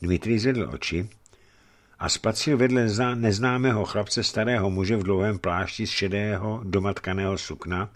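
A man narrating a historical adventure story in an expressive reading style. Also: lowish voice.

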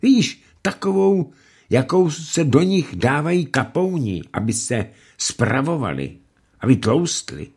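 A man's voice: very animated, darkish tone, breathy edge, exaggerated voice. A man reading an audiobook, voicing a fat, fussy male ship's cook who grumbles indignantly. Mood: scheming. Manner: fussy, indignant, pitch jumps high.

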